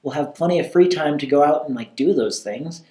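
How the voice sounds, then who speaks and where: A young man, a student, chatting eagerly and excitably. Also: a little high, fairly quick, roomy sound. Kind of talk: casual chat.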